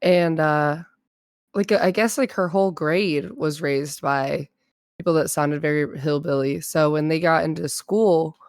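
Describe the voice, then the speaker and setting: A woman chatting casually on a podcast, telling animated stories and acting out the people she quotes. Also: deep voice, measured pace, dry recording, clean studio sound. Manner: animated storyteller, acts out quotes, laughs often. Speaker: podcast co-host. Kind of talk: casual chat.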